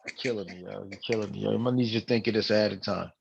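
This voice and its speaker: A man's voice: lowish voice, steady tone, fast, gravelly, a little mellow, dull audio, slight background noise. A young adult man co-hosting a podcast, talking casually but earnestly and acting out the voices he quotes. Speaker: podcast co-host.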